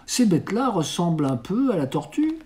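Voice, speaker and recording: A man reading aloud, voicing a lively, headstrong young girl in a raised, eager tone. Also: sits high, moderate pace, pitched above the performer's own voice. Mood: insistent.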